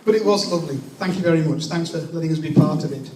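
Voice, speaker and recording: High-voiced man giving a wedding toast, echoey room. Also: darkish tone. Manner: halting, with many false starts and repeats. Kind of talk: wedding toast, jokey and informal. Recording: distant mic in echoey room, audience noise. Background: crowd of guests reacting and laughing.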